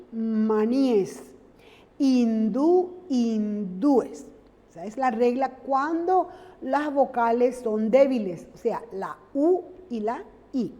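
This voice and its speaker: A high-pitched woman from Latin America gives a recorded grammar lesson. She talks slowly and patiently, stopping often to check that her students follow. The recording has a long reverb. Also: warm tone. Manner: patient, explains step by step, checks in with "¿sí?". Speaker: teacher.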